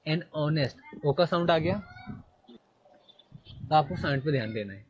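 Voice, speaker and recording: A male English grammar teacher in a classroom, repeating his points and firing quick questions at his students. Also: on the high side, animated, lo-fi sound, a little hiss or hum.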